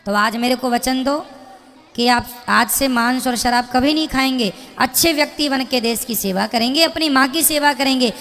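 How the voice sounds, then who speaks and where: In a long hall reverb, a woman preacher fires pointed rhetorical questions at a listener, delivering a plain, moral message. Her voice is high-pitched and a bit bright.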